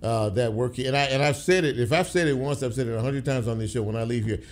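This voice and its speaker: A man's voice: mid-range voice, fast talker. A middle-aged man hosting a radio show in a studio, talking casually and rambling with repeated words.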